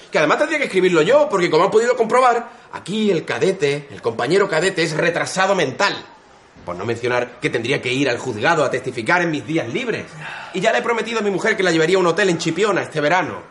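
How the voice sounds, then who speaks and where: An actor playing a sleep-deprived police sergeant who talks crudely and with exasperation. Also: male voice, a little high, fairly bright tone, a little hiss or hum.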